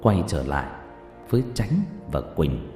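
A man's voice: big pitch swings, measured pace. A man narrating a ghost story theatrically, with reverb and faint music behind. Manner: theatrical, swinging pitch and loudness.

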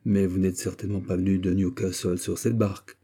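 A man reading a commanding exiled king, low and husky. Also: little pitch movement, dark tone. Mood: courtly. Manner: measured, courtly, gives orders. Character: proud exiled young king, calm and commanding. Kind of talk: audiobook character reading.

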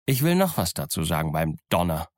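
A man's voice: low voice, very animated, fairly quick, dry recording, clean studio sound, voice pushed down. A man voicing a scheming old one-legged pirate captain who growls threats and mocks his crew. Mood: sly, scheming. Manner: growling threats, mocking and commanding. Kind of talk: audiobook character voice.

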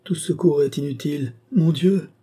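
A man's voice: medium pitch, animated, normal speed, warm tone, slightly rough, voice pushed up. Man putting on a dolorous scheming noblewoman. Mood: anguished pleading. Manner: tearful, pleading, dolorous.

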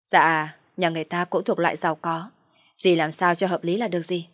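A woman's voice: on the low side, steady tone, brisk, no room sound, clean studio sound, lightly acted. A woman voicing a polite, gullible young man who stammers and speaks earnestly.

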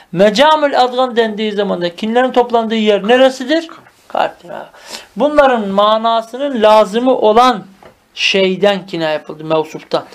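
Man explaining a classical text. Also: high voice. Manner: reads a phrase, then explains it, often asking and answering his own questions. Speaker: Arabic teacher. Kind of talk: madrasa-style text reading and explanation.

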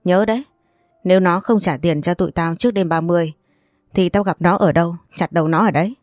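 A woman's voice: lowish voice, fairly quick, a little mellow, dry recording, clean studio sound, faint music behind, lightly acted. A woman voicing a crude, threatening male loan-shark thug in a read-aloud story. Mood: menacing. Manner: threatening, coarse.

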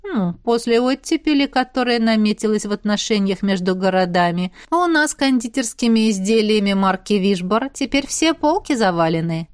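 A woman reading an audiobook, voicing a calm, easygoing father who explains things plainly. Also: medium pitch, moderate pace, few pauses, smooth, no echo, studio quality, natural voice. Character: calm, amused father, a professor. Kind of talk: audiobook character voice.

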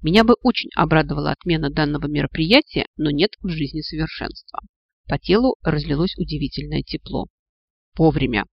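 A man reading an audiobook in a wry, lively first-person storytelling way. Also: on the high side, a little fast, gravelly, husky, no echo, dull audio. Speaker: audiobook narrator. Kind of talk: audiobook narration.

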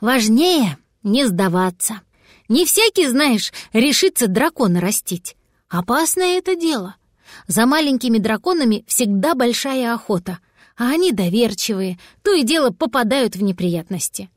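A young wizard from a storybook, as a woman reads him, polite and gentle. He speaks softly and quietly, with a slightly high voice and a dry, close sound. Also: big pitch swings, moderate pace, dry recording. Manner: soft and quiet.

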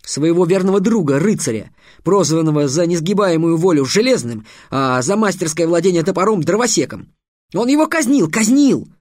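Мужчина, читающий аудиокнигу, озвучивает юного ученика, робкого поначалу, а затем страстного и обличающего. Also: male voice, a little high, expressive, a little fast, darkish tone, no echo, clean studio sound, voice pushed up, lightly acted. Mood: impassioned. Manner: timid at first, then impassioned and accusing. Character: young male apprentice, a nervous boy turned fiery orator. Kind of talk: audiobook character voice.

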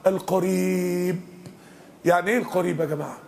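A man's voice: extremely high pitch, quick pace, a little hiss or hum. A man with an Egyptian accent giving an impassioned mosque lesson and speaking straight to his listeners. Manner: impassioned, addresses the crowd directly. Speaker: preacher.

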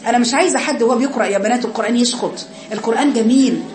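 A woman's voice: on the high side, racing, a little mellow, echoey room. An Egyptian woman teaching Quran recitation, patiently correcting her students and chanting the sounds herself to show them. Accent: Egyptian Arabic. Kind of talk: tajweed lesson, correcting students.

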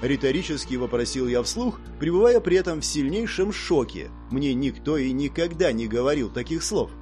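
Lively, wry male audiobook narrator. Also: medium pitch, normal speed, soft background music. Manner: wry, sarcastic, lively expressive reading. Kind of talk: first-person audiobook narration.

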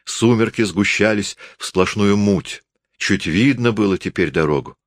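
A man reading a novel aloud as an audiobook narrator, in an expressive storytelling manner. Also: fairly low pitch, measured pace, no echo, studio quality. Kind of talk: scripted literary narration.

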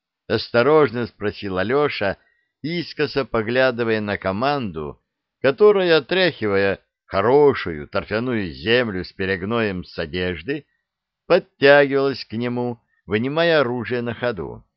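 A man narrating a comic fairy tale in an expressive, unhurried storytelling manner. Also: mid-range voice, no room sound. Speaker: audiobook narrator. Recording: dull lo-fi recording.

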